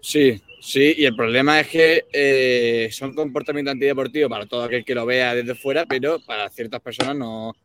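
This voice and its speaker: A man's voice: mid-range voice, fairly even intonation, moderate pace, few pauses. Man reporting on a match, faint noise. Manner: fluent, explanatory, with fillers. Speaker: sports reporter.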